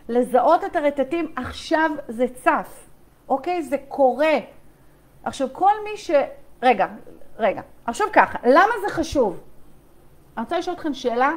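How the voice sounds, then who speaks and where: A woman's voice: high voice, lively intonation. A woman leading a live online coaching session. She talks straight to her listeners, reads their chat replies aloud and keeps checking in with emphatic "okay?"s. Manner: repetitive, emphatic, many "okay?" check-ins.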